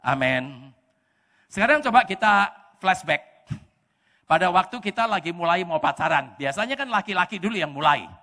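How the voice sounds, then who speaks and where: A male pastor preaching in a church with a Javanese-inflected Indonesian accent. His voice sits high and bright, swinging widely from hushed asides to sudden shouts. The sound carries a long echo of a church hall. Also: moderate pace. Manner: animated, bursts into shouting, mixes in Javanese words. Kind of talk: lively preaching sermon. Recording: echoey church hall reverb.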